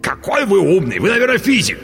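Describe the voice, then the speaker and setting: An actor playing an irate, gravelly-voiced 83-year-old male physicist who shouts and scoffs in an audiobook. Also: fairly high pitch, sing-song, a little fast, heavily acted. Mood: sarcastic. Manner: shouting, indignant, sarcastic. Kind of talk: audiobook character acting. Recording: reverberant with background music.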